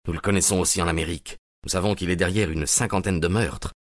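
A man's voice: low-pitched, fairly even intonation, fast talker, no echo, clean studio sound, natural voice. A man reading an audiobook, voicing a young private detective who talks in an earnest, determined way.

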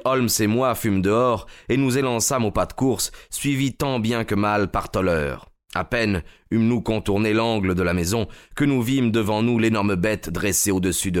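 Man reading a story out, measured and dramatic, lowish voice. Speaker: narrator. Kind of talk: scripted storytelling narration.

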